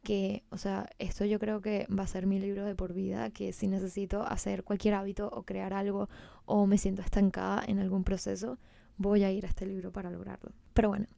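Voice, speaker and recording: A young woman hosts a casual solo podcast in a mellow voice with plenty of vocal fry. She is chatty and emphatic, slipping English words into her talk. The sound is close and dry, with no room to it. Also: mid-range voice, no echo. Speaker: podcast host.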